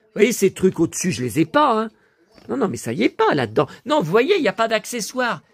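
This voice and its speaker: Hoarse, gravelly-voiced man chatting to viewers. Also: sits high, huge pitch swings, fairly quick, dry recording. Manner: chatty, grumbling, addresses viewers directly. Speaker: collector vlogger showing his purchases. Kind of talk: casual chat to viewers.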